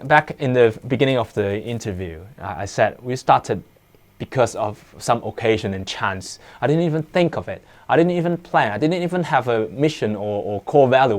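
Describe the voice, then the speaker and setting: A man who co-owns a studio, speaking hesitantly in an interview with many filler sounds. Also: mid-range voice. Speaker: studio co-owner. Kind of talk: casual interview.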